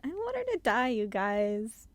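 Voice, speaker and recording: A woman's voice: a little high, big pitch swings, unhurried. A woman playing a tabletop game and chatting casually with the group.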